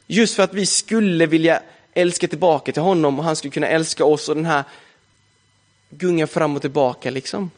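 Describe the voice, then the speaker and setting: Young male preacher with a slightly high voice, easygoing and chatty from the pulpit. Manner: casual conversational preaching, frequent filler "liksom". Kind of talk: sermon.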